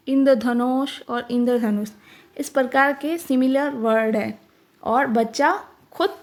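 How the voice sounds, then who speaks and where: A woman teacher slowly explaining a workbook, spelling out each word with care. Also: high-pitched, a little mellow.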